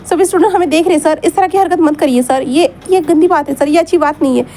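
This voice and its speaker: A woman voicing a bright young male student who pleads and protests, repeating "sir" often, in a told fan story. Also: high-pitched, quick pace, a little hiss or hum, pitched above the performer's own voice. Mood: protesting.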